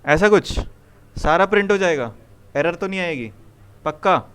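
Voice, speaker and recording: A young man leads a live coding lesson in a classroom. His voice is smooth and clear and sits a little high. He keeps nudging students with repeated questions. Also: expressive, moderate pace, a bit bright. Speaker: programming teacher.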